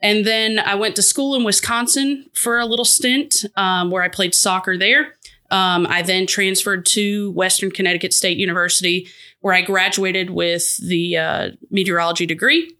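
Woman weather forecaster with a bit of a massachusetts accent, bright clear voice, talks fast, chatty. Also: mid-range voice, fairly even intonation. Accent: slight Massachusetts. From Georgia. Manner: fast-talking, laughs often. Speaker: TV meteorologist, guest. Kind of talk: casual interview chat.

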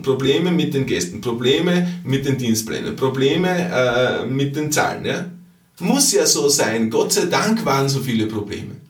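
A man's voice: fairly high pitch, distant mic. A man, hosting a podcast as a business coach, talking emphatically in repeated phrases and rhetorical questions aimed at the listener. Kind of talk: motivational business monologue. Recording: roomy echo, slightly off-mic.

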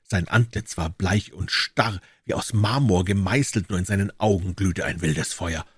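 A man reading a classic detective novel aloud in a measured, dramatic storytelling manner. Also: low-pitched, slightly rough, no echo, clean studio sound. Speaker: audiobook reader. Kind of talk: dramatic audiobook narration.

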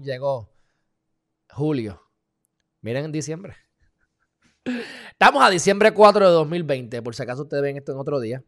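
A man with a Puerto Rican accent giving emphatic, heated commentary in a casual live video, talking straight to his viewers with sudden loud bursts. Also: a little high. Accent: Puerto Rican Spanish. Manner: informal, addresses viewers as "mi gente". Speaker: live-stream political commentator.

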